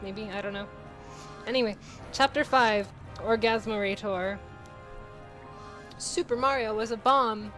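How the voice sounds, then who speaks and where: A woman's voice: mid-range voice, a little slow, pauses often, a bit bright, faint music behind, low-quality recording. A young woman co-hosting a gameplay video, reading a crude fan story aloud and laughing through it. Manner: giggly, reads aloud while breaking into laughter.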